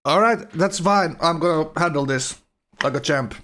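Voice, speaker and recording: Male esports stream host, voice a bit high, casual and halting, slightly awkward articulation from a numbed jaw. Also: sharp tone. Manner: loose, rambling, halting delivery. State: numb mouth after dental anesthesia, slightly awkward, slurred speech. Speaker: live stream host and game tournament commentator.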